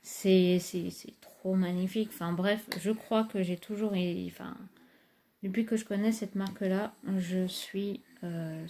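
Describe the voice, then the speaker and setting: A woman's voice: medium pitch, mellow, a little hiss or hum. A woman, casually reviewing makeup palettes in a chatty, hesitant way with many fillers. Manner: enthusiastic about products. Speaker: beauty vlogger.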